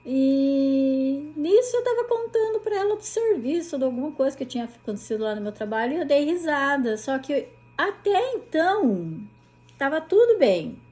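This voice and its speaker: A woman, a mother telling a personal story in a chatty, animated vlog, full of tag questions. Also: high-pitched, moderate pace.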